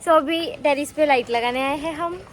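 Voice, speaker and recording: A young woman chatting fast in a casual home vlog, talking into a handheld phone. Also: high-pitched, a little hiss or hum. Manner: chatty, mixes in English words. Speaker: vlogger. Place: at home, indoors and on a terrace.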